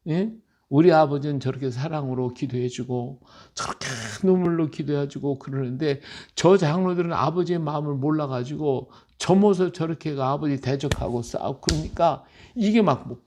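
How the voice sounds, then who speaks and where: Gravelly, fairly high-voiced male pastor. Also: a little mellow. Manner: emphatic, storytelling, asks listeners "right?". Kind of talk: conversational Bible-reading sermon.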